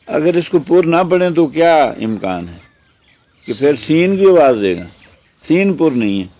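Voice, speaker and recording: A man's voice: mid-range voice, warm tone, no echo. Man teaching Quran recitation, dull lo-fi sound. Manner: explains step by step, asking and answering his own questions; stretches out recited words slowly. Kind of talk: tajweed lesson.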